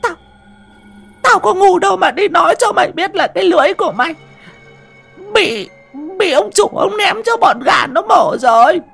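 A panicky old nanny scolds and stammers in a horror story. Her voice sits very high with a creaky edge. She trips over her words as she rattles on. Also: lively intonation, moderate pace, fairly bright tone, faint music behind, full character voice. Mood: scolding. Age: older.

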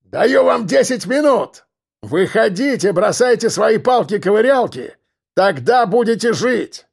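A menacing convict gang boss, as a male narrator puts him on, barking threats in coarse prison slang. The voice sits high, lurches all over the place and scrapes with a gravelly grit. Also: animated, measured pace, heavily acted. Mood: threatening. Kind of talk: audiobook character voice.

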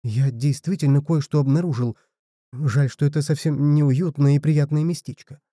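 A man's voice: fairly high pitch, fairly even intonation, moderate pace, dark tone, no room sound, studio quality, lightly acted. A man voicing troubled young Karlman. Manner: tense, earnest. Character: young, serious, troubled male folk youth.

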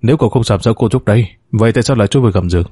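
A man's voice: on the low side, racing, dark tone, slightly rough, dry recording, studio quality. A man voicing a stern older man firmly questioning a young suspect. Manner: firm, interrogating.

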